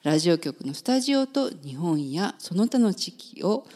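A woman hosting a live community radio talk show, speaking in a Kansai accent in a slightly low voice. She chats casually and drops quick asides between her questions. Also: sing-song, dark tone. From Kyoto, Japan. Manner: chatty, asks questions, quick side remarks.

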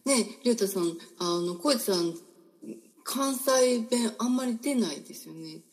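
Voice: medium pitch, lively intonation, moderate pace. A Kansai-accented host keeps the talk going with a teasing, chatty tone and a voice in an ordinary middle register. Sentences often stall and restart before landing. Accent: Kansai Japanese. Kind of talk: casual interview talk.

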